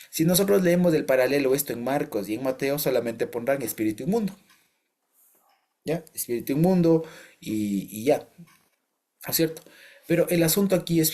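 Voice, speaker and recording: A man with an Ecuadorian Spanish accent leads an informal Bible study in a mid-range voice. He talks conversationally, tosses in quick tag questions to check understanding, and chuckles now and then as he explains. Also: mid-range voice, a little mellow. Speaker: Bible teacher.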